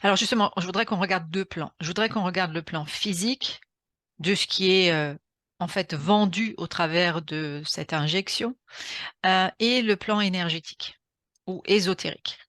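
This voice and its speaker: A woman with a French accent, calmly guiding a session with questions and short murmurs of encouragement. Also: lowish voice, normal speed, no echo, studio quality. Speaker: session guide.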